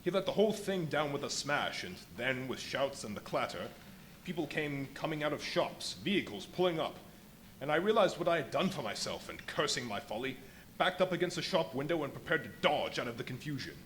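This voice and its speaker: A man playing a feverish, boastful scientist turned invisible in a live radio play, telling his story in dramatic, literary phrases with emphatic pauses. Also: on the high side, very animated, fairly bright tone. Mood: agitated. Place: live performance at a brewery venue. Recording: live stage performance with audible background noise.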